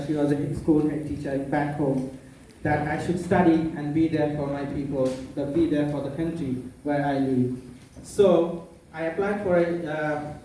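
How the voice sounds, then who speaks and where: Young Bangladeshi man, a bit high-voiced, earnest public speaker; distant mic, faint room hum. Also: warm tone. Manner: earnest, non-native phrasing, playful asides. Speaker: conference keynote speaker. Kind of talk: public speech. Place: conference room. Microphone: far from the mic. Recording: echoey room, mic far off.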